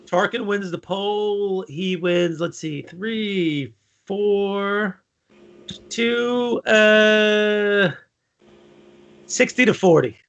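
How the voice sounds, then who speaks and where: A man co-hosting a casual fan podcast, talking in a loose, halting way with lots of fillers. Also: sits high, a bit bright, muffled recording. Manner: laid-back, halting, many fillers. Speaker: podcast co-host. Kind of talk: casual chat.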